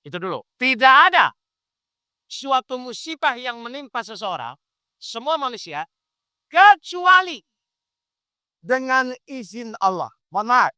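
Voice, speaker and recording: A man's voice: very high-pitched, normal speed, clear, resonant tone, no room sound, studio quality. A man preaching an interactive sermon, asking his listeners question after question as he explains. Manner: animated, quizzes the audience with questions.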